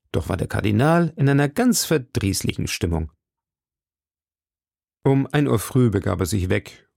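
Man, audiobook narrator, measured reading, gravelly voice, dry close recording. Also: medium pitch, a little mellow, no echo. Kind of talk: scripted narration of a classic novel.

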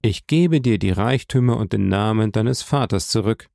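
A man reading aloud plays a grave older nobleman who speaks in a solemn, measured way. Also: lowish voice, creaky, a little mellow, no room sound, clean studio sound.

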